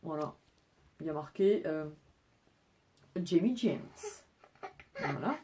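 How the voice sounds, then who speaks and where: A woman's voice: sits low, lively intonation, slow pace, dark tone. Chatty woman showing off her haul. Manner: chatty, talks her viewers through each item. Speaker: haul vlogger. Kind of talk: casual chat, showing purchases to camera.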